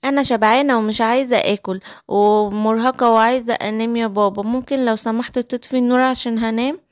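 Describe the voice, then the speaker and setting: A woman voicing an eager young girl in a children's cartoon story, with an Egyptian Arabic accent and a lively, pleading childlike manner. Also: a little high, fast talker, no echo, clean studio sound, natural voice.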